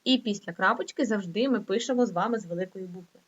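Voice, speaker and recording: A middle-aged woman teaching an online lesson to young children, reading slowly and in a sing-song way. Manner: slow, sing-song reading with rising pitch. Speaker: primary school teacher. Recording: dull lo-fi recording.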